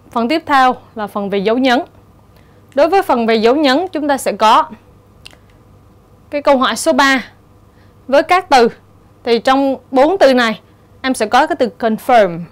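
A woman teacher with a Vietnamese accent, explaining exam answers step by step and reading English example words slowly. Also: high voice. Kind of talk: exam-prep lecture.

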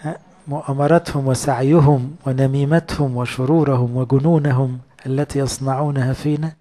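A man's voice: mid-range voice, steady tone, a little fast, dark tone. A man with an Egyptian Arabic accent, a priest giving a sermon that explains scripture in colloquial storytelling and often asks his listeners questions.

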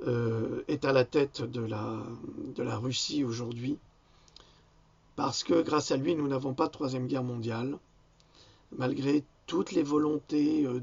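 A man's voice: medium pitch, creaky, darkish tone, husky, dull audio. A man giving an indignant, insulting political rant, hesitating often with fillers. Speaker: video commentator. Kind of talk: ranting political commentary.

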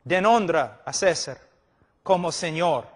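A man preaches with fervour, his slightly high voice dropping low and then rising to a shout. The sound carries a long reverb, as in a large hall. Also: expressive, slow. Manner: impassioned, shifts between hushed and shouting. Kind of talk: sermon.

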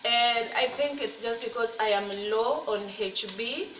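Her voice is a little high and measured in pace, set against a noisy background. She's a cooking vlogger and mother in her thirties, casually and cheerfully chatting as she cooks at home, encouraging viewers and talking about faith. The sound comes from a laptop or phone camera at desk distance, roomy and a touch distant with faint ambience.

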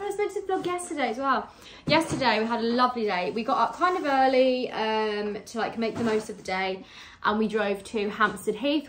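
Brief: young woman, casual phone vlog, rambling and chatty, mid pitch. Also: fairly bright tone, low-quality recording. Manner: chatty, rambling, lots of fillers. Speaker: vlogger. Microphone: handheld phone.

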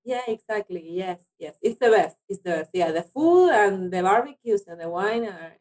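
An Argentine woman, a native Spanish speaker with an Argentine accent, chats casually as an interview guest. Her voice is medium-pitched and darkish, animated, and moderately paced.

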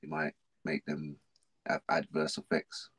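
A man's voice: very deep voice, a little slow, breathy edge. A middle-aged man from South London with a South London accent, telling his life story as a podcast guest in casual, slangy talk. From South London, England. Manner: slangy, animated, repeats himself.

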